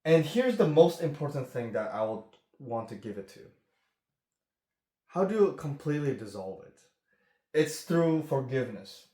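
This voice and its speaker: A man's voice: medium pitch, very animated, mellow, roomy sound. A man speaking as a relationship coach in an earnest coaching monologue, often checking in with "okay?". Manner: slow, earnest, repeats "okay?".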